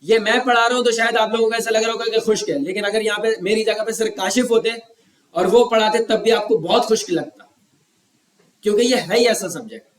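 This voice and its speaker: A high-voiced man with a sore, scratchy throat teaching a class from Pakistan. He keeps prodding students with questions and teases them when they stay quiet. His voice comes from some distance in a roomy classroom. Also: fast talker. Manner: teasing, keeps asking the class if they follow. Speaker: web development instructor. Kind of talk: classroom lecture.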